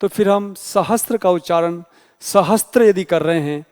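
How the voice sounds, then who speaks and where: A man's voice: sits high, moderate pace, a little mellow, long reverb tail. A male teacher giving an exam-prep grammar lecture, explaining patiently and spelling out letters one by one.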